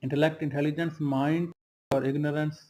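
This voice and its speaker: Guy teaching words, flat steady delivery, kinda low dark tone, drills lists slowly. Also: a little hiss or hum, rough recording. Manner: slow and steady, drills word lists with brief glosses. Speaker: English teacher. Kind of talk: vocabulary lesson, listing synonyms and antonyms.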